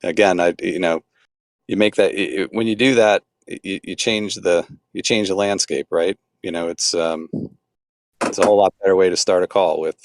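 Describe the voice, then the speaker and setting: Low-pitched man hosting a crypto club call, loose and rambling, dry sound. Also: dry recording. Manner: rambling, many restarts and fillers. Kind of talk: casual group call.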